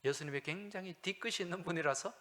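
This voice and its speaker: A male pastor preaching a sermon, asking the congregation questions and answering them himself, swinging between loud emphasis and hushed asides. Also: high voice, fast talker. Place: church sanctuary. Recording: long hall reverb from a church.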